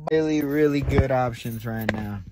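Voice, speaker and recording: Heavy background noise surrounds a young American boxer chatting casually on a phone livestream at night in a dim room, the phone held close. He speaks at medium pitch and a moderate pace, brashly repeating himself and cursing often.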